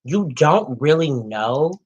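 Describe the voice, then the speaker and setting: A man's voice: fairly high pitch, animated, slow, husky. A man in his late twenties co-hosting a casual chat, sassy and dramatic, calling listeners girl and honey. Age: late 20s. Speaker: co-host. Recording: dull lo-fi sound.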